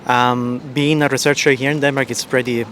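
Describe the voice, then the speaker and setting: A man's voice: medium pitch, flat delivery, brisk, fairly bright tone, slight background noise. A man from Sicily, a researcher answering street interview questions thoughtfully, with restarts. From Sicily, Italy. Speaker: postdoctoral researcher. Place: city street outdoors.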